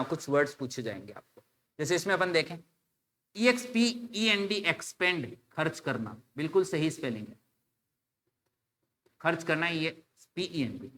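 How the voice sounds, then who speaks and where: Male teacher, bright, slightly high voice, casual classroom explaining. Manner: explains in Hindi mixed with English terms, spells words letter by letter; addresses students casually as "bhai". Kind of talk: exam-solution video lecture.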